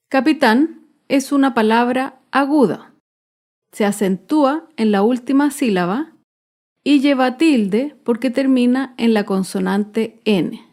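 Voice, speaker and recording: A woman narrates a grammar lesson at an unhurried pace, pronouncing each example word slowly and clearly. Her voice sits somewhat high, and she leans on stressed syllables with deliberate care. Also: darkish tone. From Chile. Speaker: teacher.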